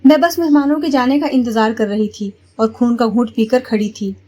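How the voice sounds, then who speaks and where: A woman tells a first-person family story in a steady, plain way. Her voice sits high. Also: moderate pace.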